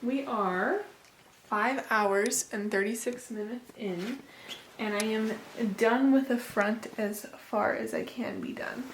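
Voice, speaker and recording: A woman with a somewhat high voice talks in a casual vlog style. She is chatty and informal, rambling a little as she updates her viewers. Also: fairly even intonation, takes it slowly, slight background noise. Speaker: knitting vlogger.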